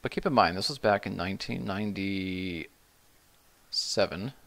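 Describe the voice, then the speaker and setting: A middle-aged man hosting a live stream, answering viewer questions in a relaxed, rambling way with many restarts. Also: low-pitched, unhurried, gravelly. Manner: relaxed, rambling, frequent restarts and "you know". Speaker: livestream host answering chat questions.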